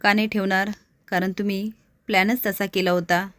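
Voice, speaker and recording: Woman reads a defiant young man, firm and accusing, quick delivery, dry close sound. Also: medium pitch, level tone, fairly bright tone, no room sound, close to an everyday voice. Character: young man standing up to a scheming rich woman.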